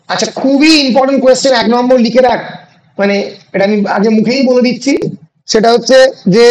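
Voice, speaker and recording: A male college English teacher from India, with a Bengali accent, lectures an online class, dictating exam questions in slow English phrases between explanations in Bengali. His voice is very high-pitched, and the recording quality is low.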